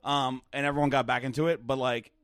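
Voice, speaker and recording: A tipsy man in his thirties talks in a quick, run-on ramble full of fillers and swearing. The sound is dry and close, with no room around it. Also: mid-range voice, flat delivery, a bit bright, dry recording. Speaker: podcast co-host. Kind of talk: casual banter.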